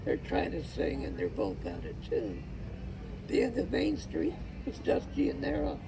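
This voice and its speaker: Guy w a western us cowboy drawl reciting rhyming poems, real gravelly, pitch swings all over, noisy background rumble. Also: wildly swooping pitch, measured pace.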